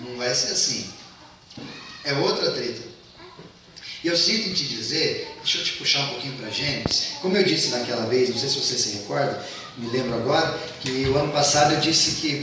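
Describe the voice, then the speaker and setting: A Brazilian-accented male pastor with a fairly high voice gives a slangy, joking Bible talk, slipping into little voices to act out the scenes. The sound is very echoey, picked up from a distance by a phone camera, with faint room noise behind him. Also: pushed and bright. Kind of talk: casual camp talk on the Bible. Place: talk at a camp retreat venue. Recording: very echoey phone recording from far off.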